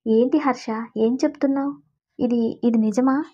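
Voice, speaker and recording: A woman's voice: fairly high pitch, steady tone, brisk, mellow, lightly acted. A woman voicing an overjoyed middle-aged father. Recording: dull lo-fi recording.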